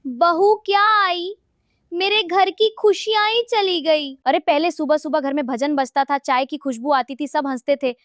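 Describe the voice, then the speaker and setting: A woman's voice: sits high, normal speed, no room sound, clean studio sound, lightly acted. A woman voicing a quarrelsome old mother-in-law in a cartoon comedy, scolding and complaining. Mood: lamenting. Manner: scolding and taunting.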